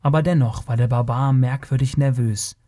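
A man narrating an adventure audiobook in a measured, even storytelling manner. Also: mid-range voice. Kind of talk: scripted narration.

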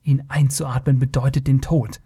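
Brief: sly master thief, hushed and quick, proud of his craft, as a male narrator puts him on. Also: medium pitch, little pitch movement, slightly rough. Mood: tense.

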